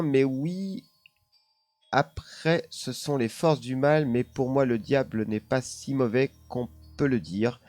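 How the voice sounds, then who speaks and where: A man's voice: medium pitch, a little mellow, dry recording. A man streaming live, casually telling a paranormal story while chatting with his viewers, laughing often and leaning on the same filler words.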